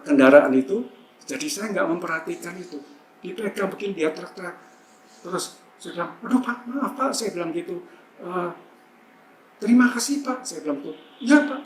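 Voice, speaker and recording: Guy telling a church story, rambly with lots of "eh", echoey hall, faint background hum. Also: high voice. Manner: chatty, storytelling, frequent fillers. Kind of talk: testimony in a church service.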